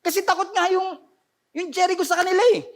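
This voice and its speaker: A man's voice: very high-pitched, flat delivery, quick pace. A man with a Filipino accent preaching a sermon, telling the story with energy and acting out the voices of the people in it. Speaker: pastor.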